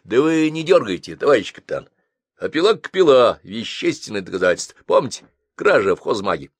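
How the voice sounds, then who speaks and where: A man's voice: mid-range voice, big pitch swings, brisk, slightly rough, no room sound. A man doing a crafty chatty police sergeant. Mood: sly. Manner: chatty, wheedling, bossy.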